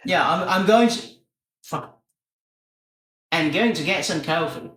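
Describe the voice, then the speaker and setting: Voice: medium pitch, measured pace, a bit bright. A speaker in casual chat on a stream, laid-back and easily distracted, heard with an echoey room sound over a call.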